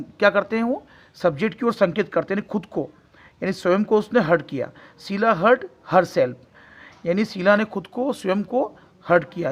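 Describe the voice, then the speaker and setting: Guy teacher with a highish voice going over grammar, keeps asking then answering himself, on the bits. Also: a bit bright. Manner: repeats points, asks and answers his own questions. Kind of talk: grammar lesson explaining English in Hindi.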